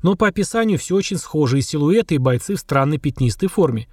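A man reading the part of a dutiful army commander who answers his superior with formal, crisp reporting. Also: on the high side, expressive, quick pace, a little mellow, no echo, clean studio sound.

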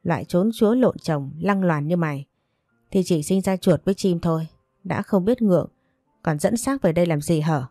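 A woman's voice: fairly low pitch, normal speed, warm tone, no room sound, studio quality, soft background music. A woman doing a spiteful, sneering young wife. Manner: sneering, taunting.

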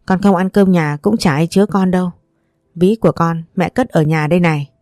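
A woman's voice: lowish voice, a little fast, a little mellow, no echo, clean studio sound, lightly acted. A woman voicing a middle-aged mother who nags and scolds her son. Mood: scolding. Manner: nagging, scolding.

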